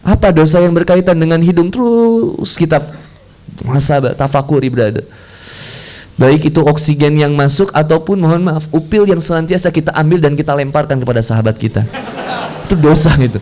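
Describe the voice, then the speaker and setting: A man's voice: a little high, fairly quick. A man giving a casual sermon, telling stories and acting out heartfelt prayers. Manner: slangy, animated storytelling with prayers acted out. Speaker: preacher.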